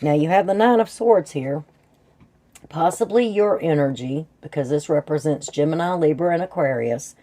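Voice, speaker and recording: A woman's voice: deep voice, normal speed, mellow. A woman with a congested, sore-throat voice that breaks up here and there, chatting casually and folksily to viewers as she gives a tarot reading. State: sore throat with sinus drainage, voice slightly off and breaking up. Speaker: tarot reader and channel host.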